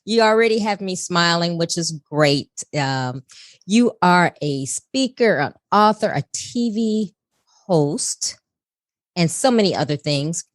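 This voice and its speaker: A woman with a lowish voice hosts a podcast, reading a scripted intro before moving into upbeat, effusive chat. She speaks slowly but with plenty of animation, sounding warm and laughing easily.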